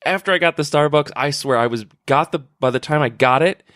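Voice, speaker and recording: A man's voice: on the high side, a little fast, fairly bright tone, dry recording, clean studio sound. A man co-hosting a comic book podcast, telling stories in casual chat. He laughs often and swears now and then. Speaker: podcast co-host. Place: comic convention, recorded on site.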